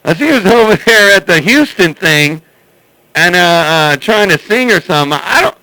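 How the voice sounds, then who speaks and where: A man with a fairly high, bright voice chats casually on CB radio. He rambles bluntly and saltily, with a clean, crisp sound. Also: animated, normal speed, no echo, low-quality recording. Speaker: CB radio operator who records and uploads chats.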